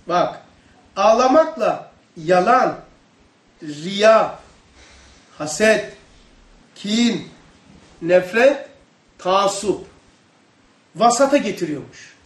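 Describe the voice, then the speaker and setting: High-voiced man teaching in an echoey room. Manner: asks the listeners questions. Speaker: religious teacher. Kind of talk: religious study lesson. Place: lesson room with listeners. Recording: echoey room, distant mic.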